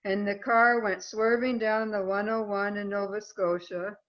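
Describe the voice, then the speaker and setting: A woman guest in a conversational interview, telling a personal story in an animated way. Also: mid-range voice, unhurried, dull audio. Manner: animated storyteller, voice jumps up for quoted outrage. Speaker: guest, co-author.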